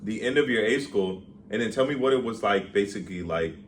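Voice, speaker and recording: A man's voice: on the low side, expressive, brisk. A young man co-hosting a casual podcast, easygoing and slangy, recorded on a phone. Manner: easygoing, laughs along, slangy. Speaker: podcast co-host. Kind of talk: casual chat. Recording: faint ambient noise, phone mic.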